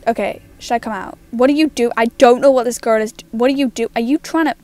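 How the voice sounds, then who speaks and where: A woman giving casual gameplay commentary, mostly hushed and nervous, bursting loud when excited. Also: on the high side, fast, no echo. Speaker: gaming YouTuber.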